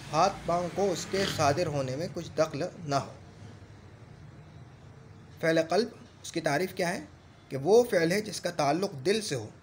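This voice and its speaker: A man teaching Arabic grammar in a classroom lesson, reciting lists of rules slowly and repeating them, and checking in often as he explains. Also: a little high, slight background noise. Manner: explains patiently with frequent check-ins.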